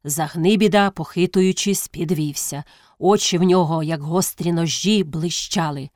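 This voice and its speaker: A woman narrating a classic story as an audiobook reader, in a lively, expressive reading. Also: lowish voice, a little slow, dry recording. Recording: dry studio sound.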